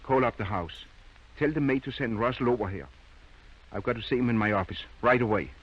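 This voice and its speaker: A man's voice: medium pitch, animated, fairly quick, slightly rough. A man acting in an old-time radio drama as a firm, kindly country doctor, patient but probing. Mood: businesslike. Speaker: radio actor. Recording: dull, lo-fi vintage radio recording.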